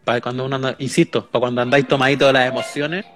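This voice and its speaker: A man's voice: medium pitch, flat delivery, rapid-fire, music in the background. A man with a Chilean accent hosting a casual livestream podcast, joking and reading viewer comments aloud with easy swearing. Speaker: podcast host reading live chat.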